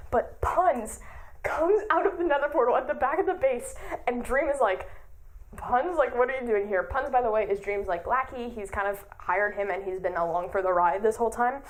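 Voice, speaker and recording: An excitable young woman recaps a long saga in a casual, chatty way, laughing and gasping as she goes. Her voice sits a little high, and "like" peppers her talk. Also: a little fast. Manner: excitable, laughs and gasps often, says "like" a lot. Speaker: YouTuber.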